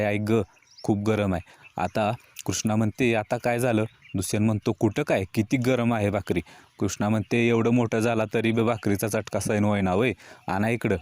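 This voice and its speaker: Flat, low-voiced man recapping a serial. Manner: even storytelling with quoted lines read in his own voice. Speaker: serial episode narrator. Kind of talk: recapping a TV serial episode, reading out dialogue.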